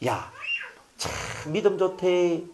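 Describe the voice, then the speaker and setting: A man's voice: high-pitched, animated, takes it slowly, darkish tone, full character voice. A man with a Gyeongsang accent voicing a sly, accusing male devil spirit who sneers. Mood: sneering. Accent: Gyeongsang Korean.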